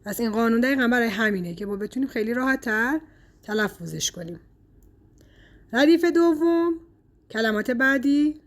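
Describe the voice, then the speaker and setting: A woman from Iran teaching Chinese pronunciation in a casual lesson, pausing often with "uh" and stretching example words out slowly. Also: fairly high pitch, animated. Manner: explains slowly, with frequent "uh" fillers.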